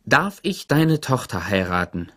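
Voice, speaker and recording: A male reader plays an earnest young man in love. He speaks quietly and sincerely, close to the narrator's own voice. It sounds like a storybook reading. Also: medium pitch, big pitch swings, measured pace. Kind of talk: audiobook reading.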